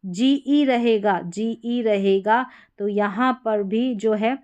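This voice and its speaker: A woman with a Hindi accent teaching English pronunciation in a patient explanatory lesson, repeating each example word slowly. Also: on the high side, a little mellow, clear, resonant tone, lo-fi sound.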